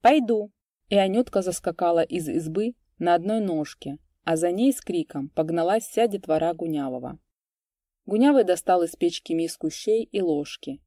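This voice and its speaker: A woman narrating a classic story as an audiobook, lifting her voice for the shouted lines. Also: animated, normal speed, no echo, clean studio sound. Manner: raises pitch and volume for shouted dialogue.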